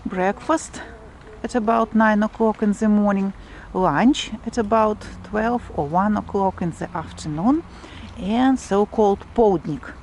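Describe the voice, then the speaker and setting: Strolling through a provincial town for her walk-and-talk vlog, a woman with a Russian accent chats in a relaxed way, pausing to find English words as she explains things. Her mid-range voice competes with noticeable outdoor street noise and passing vehicles.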